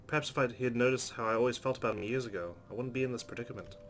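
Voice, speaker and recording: A man's voice: mid-range voice, rapid-fire, fairly bright tone, slight background noise. A man hosting a let's play, reading visual novel narration aloud and adding casual commentary.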